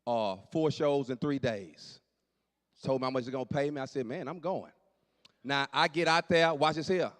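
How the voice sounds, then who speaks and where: A stand-up comedian in his late forties tells animated stories on stage in a church hall, with long hall reverb on the recording. At a moderate pace, he drops into low asides and jumps up for the punchlines.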